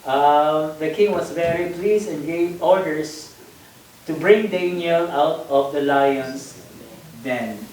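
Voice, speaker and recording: Slow-talking preacher in an echoey room. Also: male voice, fairly high pitch, a little mellow. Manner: slow, halting, with many fillers and repeated words. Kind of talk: Bible study sermon. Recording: echoey room, picked up from a distance.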